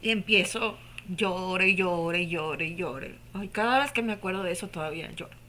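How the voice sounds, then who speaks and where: Brief: woman, personal faith testimony, hushed and emotional, crisp bright tone. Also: lowish voice, normal speed. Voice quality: emotional, hushed storytelling with drops to a whisper.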